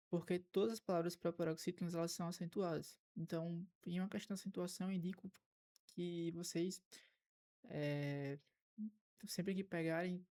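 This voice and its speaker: Mellow-voiced Brazilian man teaching grammar. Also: sits high. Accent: Brazilian Portuguese. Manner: didactic, methodical, repeats key points with filler "é" pauses. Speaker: exam-prep Portuguese teacher. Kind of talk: recorded online lesson.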